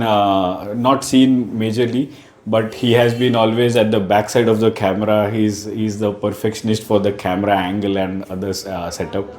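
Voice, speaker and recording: A man with an Indian English accent hosting a conversational interview in a halting way, often repeating phrases. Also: fairly low pitch, darkish tone. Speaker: podcast host. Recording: roomy, echoing voice.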